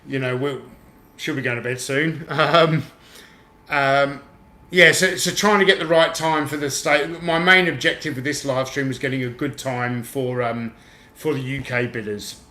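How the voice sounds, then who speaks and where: A UK man hosts a casual livestream from a home room in Australia, chatting, laughing easily and reading out viewer comments; he's also a toy auctioneer. His medium-pitched voice is steady, a little slow and sharp. The room sounds echoey.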